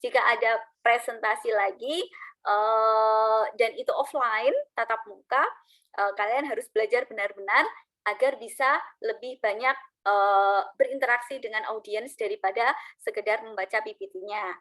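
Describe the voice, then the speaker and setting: A woman giving feedback to students in an online class, pausing often with drawn-out "eee" fillers in a gentle teacherly way. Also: a little high, fairly even intonation, rough recording. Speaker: university English lecturer. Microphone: video call.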